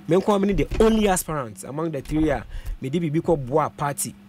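A young Ghanaian man, a parliamentary aspirant, speaks into a boom-mounted studio mic during a radio interview, mixing Twi with English and reeling off vote figures. His voice is fairly high and a little mellow, with lively intonation and a quick pace.

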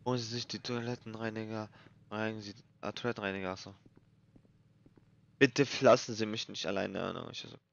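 A man's voice: fairly low pitch, fairly even intonation, a little fast, creaky. A young man doing nervous, swearing let's play commentary in street slang, reading game text aloud as he plays. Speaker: gaming streamer. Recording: dull lo-fi mic, dry.

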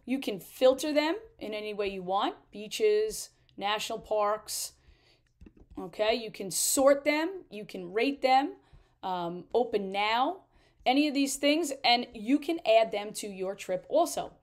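A woman's voice: fairly high pitch, lively intonation, measured pace. A woman in her thirties, an RV travel vlogger, explaining a trip-planning tool step by step in a chatty way. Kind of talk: screen-share tutorial walkthrough.

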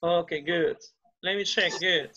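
A man's voice: high voice, steady tone, slow, sharp tone. A man with a Peruvian Spanish accent teaching English to young pupils, cheerfully switching between Spanish and English and repeating words. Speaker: primary school English teacher. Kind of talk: bilingual classroom lesson. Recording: lo-fi, muffled audio.

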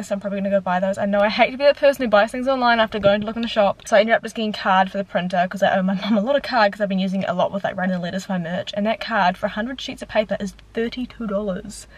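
A woman's voice: mid-range voice, rough recording. A young woman with a New Zealand accent chatting casually to camera in a vlog, rambling with lots of "like" and "obviously". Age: young adult. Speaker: vlogger.

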